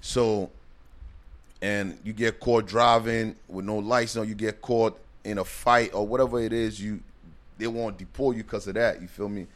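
A man's voice: lowish voice, fairly even intonation, normal speed. A man from Liberia, a personal trainer and bodybuilder, telling stories in a laid-back way with streetwise slang in a casual interview.

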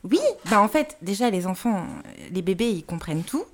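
A woman with an animated mid-range voice speaks at normal speed over slight background noise. As a podcast columnist presenting a segment, she chats enthusiastically to listeners, hesitating often with many fillers and restarts.

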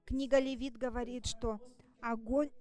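A woman delivering a church sermon in short, halting phrases, exhorting the congregation as an interpreter would. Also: on the high side, steady tone, mellow. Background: music.

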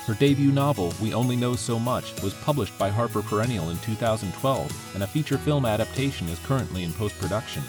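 A man hosting a story podcast, reading scripted introductions in a measured, announcer-like way. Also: on the low side, expressive, music in the background. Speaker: podcast host.

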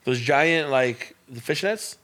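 A man's voice: mid-range voice, animated, takes it slowly, fairly bright tone. A young man co-hosting a casual podcast, telling a rambling story, swearing and searching for words. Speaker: podcast co-host. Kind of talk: casual chat.

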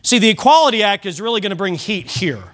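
Preaching his Sunday sermon in church at a quick pace, this pastor has a notably high, expressive voice with a fairly bright tone. He's earnest and direct, frequently tripping over words and restarting them before continuing.

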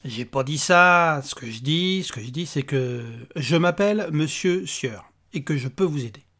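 Man putting on a tiny bald bearded imp, higher and louder, husky, irritable, sarcastic, storybook reading. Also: lively intonation, moderate pace. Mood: exasperated. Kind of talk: audiobook character voice.

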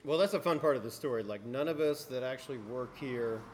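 A man speaks as a brewer guest in a casual, teasing, jokey manner. His pitch sits in the middle range. A long reverb hangs after his words. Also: a little fast, a little mellow, a little hiss or hum. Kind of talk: casual interview.

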